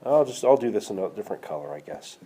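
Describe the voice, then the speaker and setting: Coughing male math teacher, lively pitch. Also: fast, husky. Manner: coughing now and then, apologetic; checks in with students, asks questions. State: coughing, slightly hoarse. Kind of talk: classroom lecture screencast. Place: classroom. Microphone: tablet screencast mic.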